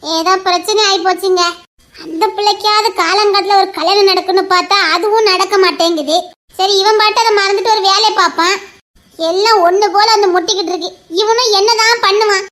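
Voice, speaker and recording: A woman's voice: very high-pitched, fairly even intonation, fairly quick, fairly bright tone. A woman playing a protective middle-aged mother who defends her son and argues with her husband in a pleading, reasoning way. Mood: defensive. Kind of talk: amateur audio drama.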